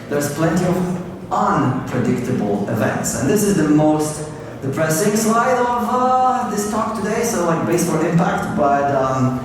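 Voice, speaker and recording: A man from Poland giving a keynote conference talk, chatting casually with many fillers and "like". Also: a little high. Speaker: keynote speaker. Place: large conference hall. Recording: distant, echoey hall with noise.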